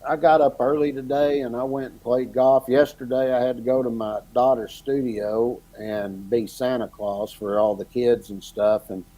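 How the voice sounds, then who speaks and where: A man's voice: mid-range voice, fairly even intonation, normal speed, few pauses, mellow. An older man, a podcast host, talking in a rambling, casual way and chuckling through his stories. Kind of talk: casual chat.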